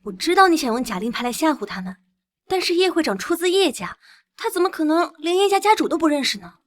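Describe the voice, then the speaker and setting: An earnest, loyal young heiress in a short drama, pleading for her husband. Her voice sits high. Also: big pitch swings, fast talker. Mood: worried.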